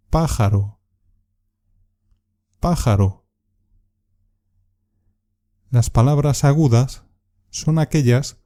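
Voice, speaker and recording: A man hosting a podcast lesson, reading a script in a measured way and drawing out the stressed syllables of example words. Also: mid-range voice, warm tone. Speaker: Spanish teacher and podcast host.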